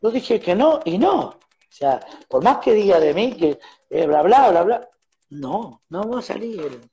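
A man with an Argentine accent, a musician guest speaking in a casual radio interview, telling his stories with animated acted-out exchanges. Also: sits high, measured pace, highs cut off. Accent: Argentine Spanish. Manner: animated storyteller acting out phone quarrels. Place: radio studio.

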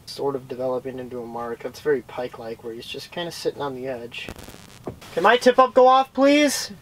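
A man's voice: mid-range voice, a little hiss or hum, rough recording. A young man explaining how he fishes, chatty and casual, inside a small ice fishing shelter on a camera-mounted mic. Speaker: fishing vlogger. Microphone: camera-mounted shotgun mic with windscreen.

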